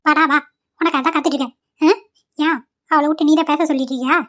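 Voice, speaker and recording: A domineering cartoon mother-in-law, voiced by a woman, cold and harsh, firing off quick scolding lines. The voice sits high and moves fast. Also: fairly even intonation. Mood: scornful. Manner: sharp, scolding.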